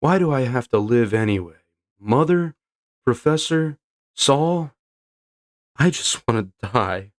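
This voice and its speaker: A man voicing a calm, quietly sad young woman by raising his pitch and softening his voice. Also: slow pace, long pauses. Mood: wistful.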